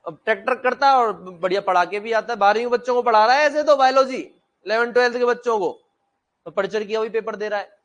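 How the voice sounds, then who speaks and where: A man's voice: high-pitched, quick pace. A young man teaching a classroom lecture, blunt and joking, who asks his students questions and then answers them himself.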